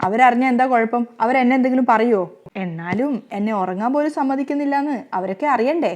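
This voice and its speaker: A woman's voice: fairly high pitch, quick pace, darkish tone, natural voice. A woman voicing a frightened, irritated young husband who answers curtly and snappishly. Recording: slightly muffled lo-fi recording.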